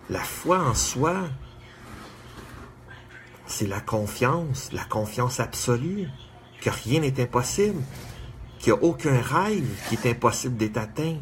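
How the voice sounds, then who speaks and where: A man giving an earnest motivational monologue, repeating his exhortations in measured phrases and greeting viewers by name. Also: medium pitch, slight background noise. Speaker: motivational speaker.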